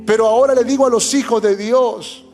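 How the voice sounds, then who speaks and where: A man's voice: very high voice, steady tone, a little fast, a little mellow. Male pastor, fervent urging sermon, faint background music, church reverb. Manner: fervent, urging, testimonial preaching. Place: church hall.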